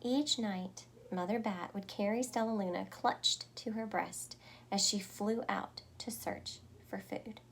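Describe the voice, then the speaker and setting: Reading a picture book to children, a woman with a medium-pitched voice performs expressively, using deliberate phrasing, dramatic pauses and little explanatory asides. The recording has a slight hiss or hum.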